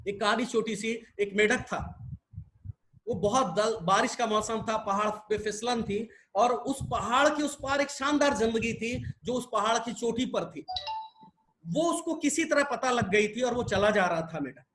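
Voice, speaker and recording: A man's voice: extremely high pitch, measured pace, a bit bright, a little hiss or hum, low-quality recording. A man in his fifties giving a motivational business seminar, emphatic and repeating phrases as he tells parables. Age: 50s.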